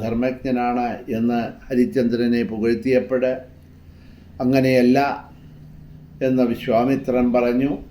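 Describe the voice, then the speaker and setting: A man giving a devotional scripture discourse, chanting verses slowly and then explaining them in measured speech. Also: mid-range voice, mellow. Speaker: religious discourse speaker.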